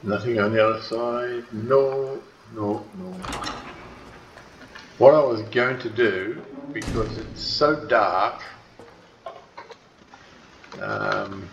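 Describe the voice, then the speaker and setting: A man's voice: mid-range voice, very slow, gravelly, long pauses, reverberant, dull audio, slight background noise. A man giving casual gameplay commentary, muttering and grumbling dryly to himself.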